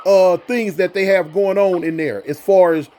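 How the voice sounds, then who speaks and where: A man's voice: sits high, fairly even intonation, normal speed, warm tone, a little hiss or hum. A man hosting a casual live interview, emphatic and repeating points for stress. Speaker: interviewer, host.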